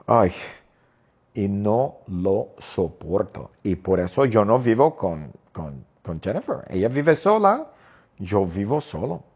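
A man's voice: on the low side, big pitch swings, slow pace, a little mellow, husky, heavily acted. Man playing a fed-up police sergeant husband. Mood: grumbling. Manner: exaggerated, sing-song storytelling. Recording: dull lo-fi recording.

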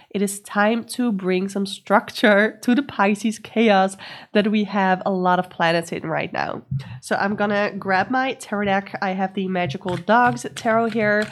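A woman hosting a tarot and astrology podcast, sounding nasal and stuffed up from a cold, explaining in a gentle, earnest way with some ums. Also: medium pitch. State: sick with a stuffy nose. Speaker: podcast host and tarot reader. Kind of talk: casual podcast guidance talk.

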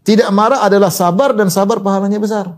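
Male preacher, slightly high voice, emphatic, repeats key points, swings pitch widely. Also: steady tone, fast. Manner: quotes Arabic scripture, emphatic repetition, pitch swings widely. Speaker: Islamic preacher. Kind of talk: religious lecture.

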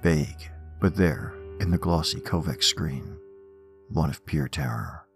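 A man hosting a horror podcast, reading scripted stories and poems in a measured, theatrical manner. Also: a bass voice, lively intonation, over music.

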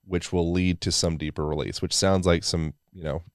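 A man's voice: deep voice, steady tone, moderate pace, no room sound, studio quality. A man hosting a podcast, chatting loosely and searching for words in a casual interview. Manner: loose, searching, full of fillers. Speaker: podcast host.

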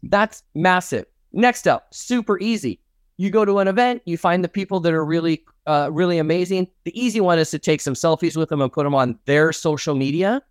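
A man's voice: brisk, clean tone, no echo. A middle-aged man, a networking expert guest, talking with punchy enthusiasm in an interview. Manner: enthusiastic, punchy, acts out his own pitches. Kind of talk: energetic interview talk.

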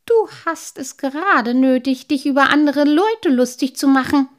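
A woman's voice: on the low side, level tone, moderate pace. A woman voicing a tall, thin, stuffy man who is grumpy and scornful. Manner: scolding, huffy, scornful.

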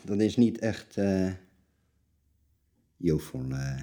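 A man in his late forties with a very deep voice. His tone is very dark and mellow. He talks bluntly and haltingly, as a guest in a personal interview. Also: expressive. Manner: halting, blunt, plain-spoken. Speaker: interview guest telling his life story.

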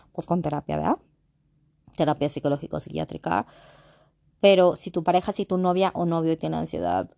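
A woman's voice: lowish voice, vocal fry, warm tone. A young woman with a Mexican accent talking candidly as a podcast host, blunt and slangy, with frequent restarts. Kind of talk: casual monologue.

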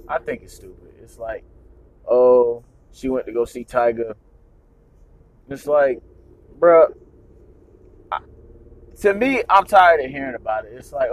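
A man's voice: medium pitch, darkish tone, no echo, poor audio. A young man hosting a casual news show, giving blunt, slangy opinions on celebrity gossip, swearing freely and filling gaps with "um" and "you know what I'm saying". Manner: frequent fillers and trailing asides. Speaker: show host.

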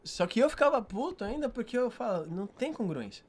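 A young Brazilian man, a guest musician, telling animated stories in casual podcast chat and acting out the dialogue. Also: very high-pitched, a little fast, slight background noise.

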